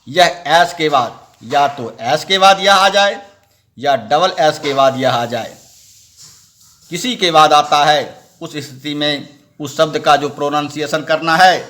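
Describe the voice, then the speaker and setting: A man teaching English pronunciation rules, spelling out letters slowly and asking and answering his own questions. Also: a little high, a bit bright. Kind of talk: classroom-style lesson explaining rules.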